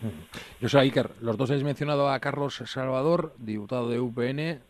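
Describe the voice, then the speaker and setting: A man's voice: mid-range voice, brisk. Male radio host reading headlines. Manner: reads headlines, steers discussion. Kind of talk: radio panel moderation.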